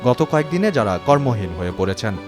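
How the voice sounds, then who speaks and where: Bangladeshi male reporter over clear music. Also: mid-range voice, sing-song, a little fast. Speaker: news reporter. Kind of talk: scripted news narration.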